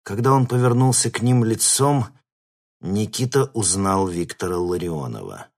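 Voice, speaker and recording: A man reading an audiobook in steady, scripted narration. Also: on the low side, normal speed, gravelly. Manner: steady storytelling.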